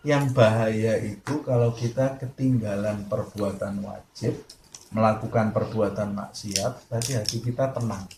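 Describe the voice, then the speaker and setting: Guy preaching, acts out little dialogues, roomy echo and a bit of hiss. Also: fairly low pitch. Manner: lively storytelling, acting out quoted dialogue. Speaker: Islamic preacher. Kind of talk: sermon. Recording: echoey room with faint noise.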